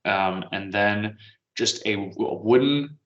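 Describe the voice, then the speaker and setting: A man co-hosting a podcast from home speaks slowly in a low, slightly bright voice, rambling casually with occasional chuckles. The sound is lo-fi with a roomy echo.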